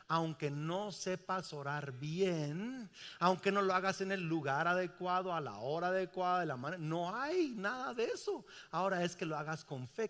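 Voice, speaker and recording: A man's voice: sits high, big-room sound. A middle-aged man preaching a sermon in a large church, asking the congregation questions. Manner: animated, asks the congregation questions. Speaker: pastor.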